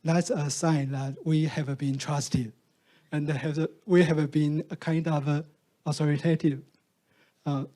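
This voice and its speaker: A Mandarin-speaking man from Taiwan, a panelist from a fact-checking group, answers questions on a discussion panel. His voice is a little high yet dark and mellow, with little pitch movement, and he speaks slowly. He is halting, pausing often, restarting sentences, and filling gaps with "uh."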